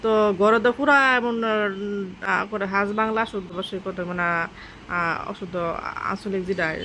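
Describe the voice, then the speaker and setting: Outdoors, with birds nearby, a woman vlogger speaking a rural Bangladeshi dialect rambles to her viewers in a casual, homely chat. Her mid-range voice sounds pushed and bright, and there's a little hiss or hum.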